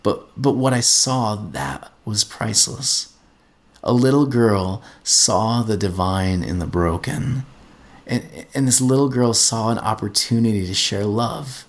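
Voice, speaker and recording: A man's voice: fairly low pitch, lively intonation, unhurried. A middle-aged man, a podcast host, telling a personal story in an earnest way and often repeating words as he gets going.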